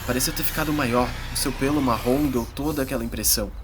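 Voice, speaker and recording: Narrating in first person as an earnest young adventurer, a man recounts his perils in a dramatic, suspenseful audiobook style that feels tense and awed, and lightly acted. He talks fast in a mid-range voice. A loud music bed plays under him, making the background noisy.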